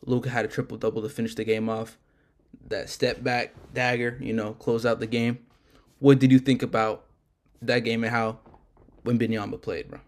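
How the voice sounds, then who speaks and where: A man's voice: mid-range voice, flat delivery, normal speed. A man co-hosting a casual sports podcast, rambling and correcting himself as he talks. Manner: loose, rambling, self-correcting. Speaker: podcast co-host.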